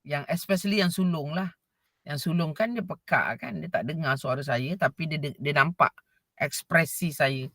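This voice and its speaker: A woman's voice: low-pitched, moderate pace, dry recording. A middle-aged woman with a Malaysian Malay accent, teaching a voice class and acting out scolding voices. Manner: expressive, acts out scolding voices. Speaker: vocal coach. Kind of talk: voice class talk.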